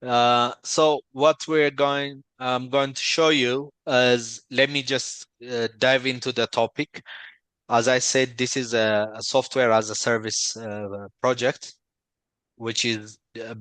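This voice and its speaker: A man from Ethiopia hosts a video call and presents, talking in a friendly, halting way full of fillers and restarts. His voice is bright and forceful. The sound is dry and close. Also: medium pitch, level tone, clear, resonant tone, no room sound. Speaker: meeting host, company founder.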